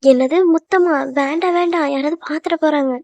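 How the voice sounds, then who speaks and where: A woman voicing a quick, shy young sweetheart. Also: sits high, steady tone, no echo, close to an everyday voice. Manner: gentle and reassuring. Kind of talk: cartoon voice acting. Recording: dull lo-fi, dry.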